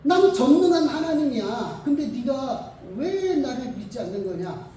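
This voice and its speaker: A preacher voicing God as a stern, commanding figure who rebukes, in a loud, emphatic telling of a Bible story. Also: mid-range voice, animated, brisk, very echoey, recorded from a distance, slight background noise, lightly acted. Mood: scolding.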